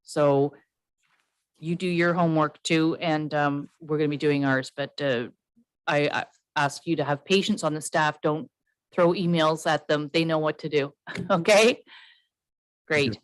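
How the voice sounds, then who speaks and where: A woman chairing a council meeting as mayor, brisk and informal, with filler words. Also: low-pitched, fairly even intonation, smooth, no echo.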